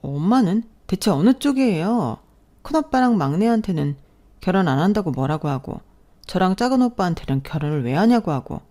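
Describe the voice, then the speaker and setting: A woman's voice: lowish voice, expressive, moderate pace, dark tone, natural voice. A woman doing a stubborn, insistent daughter. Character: young woman, a daughter in her twenties, stubborn. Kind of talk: storytelling radio drama.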